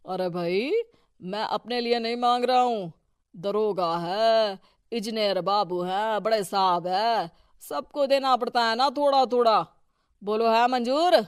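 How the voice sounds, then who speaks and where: Lady doing a pompous crooked politician husband for a cartoon, bossy, crisp clean voice, very dry sound. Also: fairly high pitch, unhurried, no echo, lightly acted. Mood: sly, wheedling. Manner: pompous, commanding. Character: domineering, corrupt male village-politician husband, smug and bossy. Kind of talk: scripted cartoon story dialogue.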